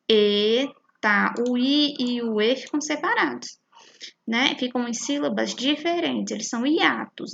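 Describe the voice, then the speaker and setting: Brazilian woman, primary teacher, patient and syllable-by-syllable, fry in the voice, dull lo-fi audio. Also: high voice, fairly bright tone, slight background noise. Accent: Brazilian Portuguese. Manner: patient, spells out syllables slowly, frequent "né?" and "tá?". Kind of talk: recorded class explaining worksheet activities.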